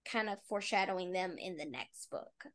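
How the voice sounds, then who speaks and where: A woman's voice: lowish voice, fairly quick, fairly bright tone. A woman co-hosting a book podcast, chatting casually about a novel and often dropping "like" as she talks. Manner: chatty, with frequent "like" fillers.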